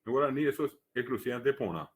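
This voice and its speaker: A man giving a live academic lecture, measured and explanatory, pausing often on hesitation fillers. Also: medium pitch, expressive. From Paraguay. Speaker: lecturer on the Guaraní language.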